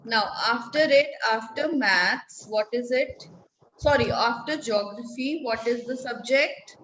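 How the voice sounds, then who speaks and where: A woman's voice: fairly high pitch, measured pace, fairly bright tone, a little hiss or hum. A woman teacher giving an online class, patiently saying words for her pupils to repeat. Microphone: laptop mic on a video call. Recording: roomy lo-fi video call audio.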